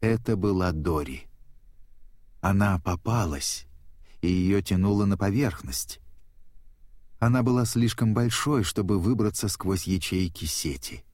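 A man narrating a children's storybook in a steady, expressive way. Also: deep voice, a little slow, no echo, studio quality.

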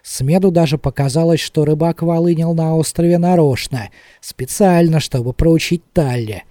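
A man narrates a novel in a measured, expressive reading, his voice mellow yet set a little high for a man. The recording is dry and close, with no room sound behind him. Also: no echo. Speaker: audiobook narrator. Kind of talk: scripted narration.

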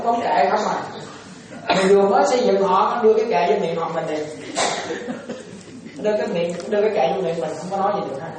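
Male monk, dharma talk, quizzes listeners, acts out little dialogues, very echoey room, distant mic. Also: high voice. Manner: asks the audience questions, plays out little dialogues. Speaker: Buddhist monk teacher. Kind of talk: dharma talk to lay followers.

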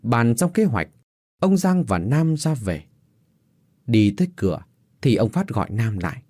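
A man narrating a dramatic story in an expressive, scripted way. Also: mid-range voice, a little slow, dry recording, studio quality.

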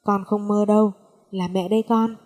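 A woman's voice: medium pitch, little pitch movement, normal speed, a little mellow, lightly acted. A woman voicing a grieving middle-aged mother who speaks through tears, with long reverb. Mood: tearful. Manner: pleading, sobbing speech.

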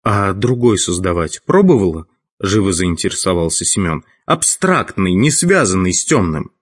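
Guy doing a chill unflappable old mage, matter-of-fact, lowish voice, audiobook. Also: sing-song, moderate pace, fairly bright tone, exaggerated voice. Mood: curious. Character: calm unflappable veteran male mage.

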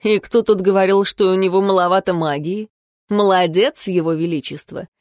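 A woman's voice: mid-range voice, fairly even intonation, moderate pace, darkish tone, dry recording, clean studio sound. A woman narrating an audiobook in the first person, reading expressively.

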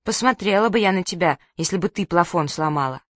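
A woman's voice: lowish voice, expressive, no room sound. A woman reading the part of a bossy, stubborn little girl who snaps indignantly, in a dry close recording. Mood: irritated. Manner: indignant, quick to snap.

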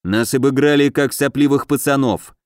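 A man voicing a gruff, stern male commander giving orders. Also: steady tone, normal speed, darkish tone, dry recording, studio quality, lightly acted. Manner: low, gruff growl.

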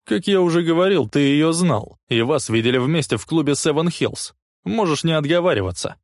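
A hoarse, snarling male detective from an audiobook thriller, a man putting him on with a voice pushed well above his own. He barks accusations hard and loud, with a raspy edge. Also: fairly high pitch, expressive, moderate pace, dry recording, studio quality, pitched above the performer's own voice. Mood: accusing.

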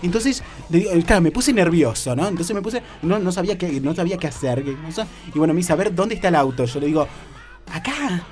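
A man with a Rioplatense accent tells a comic story on the radio, camp and theatrical, stumbling through fillers and restarts. His voice sits a bit high and swings widely in pitch. Soft music plays faintly behind him. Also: expressive, fairly quick. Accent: Rioplatense Spanish.

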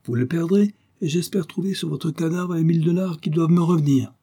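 A man's voice: fairly high pitch, very animated, moderate pace, dark tone, breathy edge, voice pushed up. A man reading a storybook voicing a sneering villainous gang leader who taunts with false politeness. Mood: taunting. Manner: mocking, hypocritically polite.

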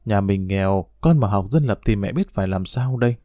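A man voicing a poor, worried mother gently pleading with her son, recorded dry. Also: fairly low pitch, lively intonation, fairly quick, dry recording, voice pushed down, natural voice.

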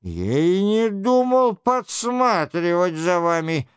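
A man's voice: high-pitched, very animated, takes it slowly, clear, resonant tone, no room sound, clean studio sound, exaggerated voice. A man doing a frightened, evasive monk. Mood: nervous. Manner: nervous, evasive answers. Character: frightened sober-struck male monk, pleading. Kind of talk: audiobook character reading.

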